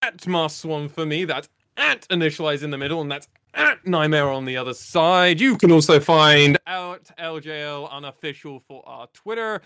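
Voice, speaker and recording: A podcast co-host, a man with a somewhat high voice, runs briskly through his plugs. His microphone peaks throughout, so every word comes out with fuzzy, clipping distortion. The sound is dry and close, with no room around it. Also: lively intonation, pushed and bright, smooth, dry recording. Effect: clipping, fuzzy distorted mic. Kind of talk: casual podcast chat, reading out plugs. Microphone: peaking online call microphone.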